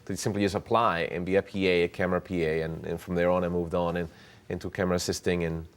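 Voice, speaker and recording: A man sits low and speaks fast as a cinematographer guest in a casual interview. He's animated and often restarts and repeats words.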